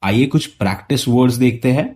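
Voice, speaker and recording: A man's voice: mid-range voice, brisk, a little mellow, slightly rough. A man teaching English pronunciation in Hindi, reading out practice words one at a time. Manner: reads word lists one word at a time. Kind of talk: pronunciation lesson.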